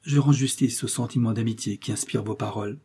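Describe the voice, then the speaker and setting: A man's voice: fairly low pitch, fairly quick, dark tone, slightly rough. A man reading a proud young woman. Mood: formal. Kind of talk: audiobook character reading.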